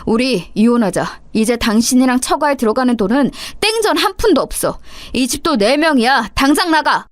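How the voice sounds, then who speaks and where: A woman's voice: high-pitched, animated, normal speed, dry recording. A woman doing a furious eldest son. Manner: angry, accusing.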